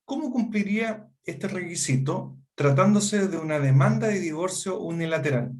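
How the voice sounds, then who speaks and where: A middle-aged man with a Chilean Spanish accent gives a practical law seminar, his voice a touch higher than most men's. He explains step by step and keeps asking the class if they follow. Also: lively intonation, moderate pace, a little mellow. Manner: explanatory, asks students rhetorical check-ins. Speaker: law lecturer. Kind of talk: seminar lecture.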